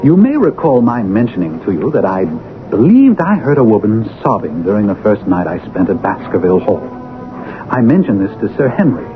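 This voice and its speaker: An actor playing Doctor Watson as an earnest, polite, formal gentleman who also narrates in a radio mystery. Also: mid-range voice, narrow, tinny audio, natural voice. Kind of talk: radio drama acting and first-person narration. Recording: band-limited old radio broadcast, music behind.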